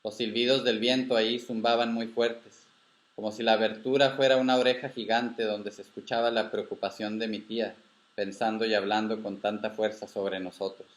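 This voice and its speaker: A man, the author reading his own story aloud in calm, steady first-person narration. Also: lowish voice, normal speed, roomy sound.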